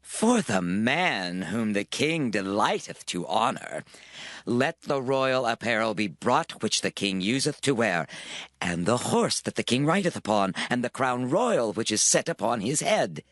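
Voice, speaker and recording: An actor playing a proud, scheming royal minister in a dramatized scripture recording, speaking in a declamatory, boastful way. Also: male voice, medium pitch, big pitch swings, measured pace, a bit bright, no echo. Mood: proclaiming. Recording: dry studio voice with faint music.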